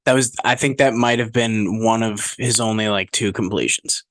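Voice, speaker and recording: A young man co-hosting a casual sports podcast, sarcastic and quick to rant. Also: lowish voice. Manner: sarcastic, flares up into loud rants. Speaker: podcast co-host.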